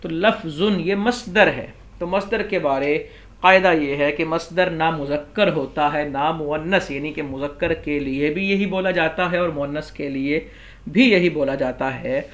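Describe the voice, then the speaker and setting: A man's voice: a little high, fairly bright tone. A man with a Pakistani Urdu accent, teaching a classroom grammar lesson and explaining step by step as he raises and answers objections. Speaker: Islamic scholar teaching Arabic grammar.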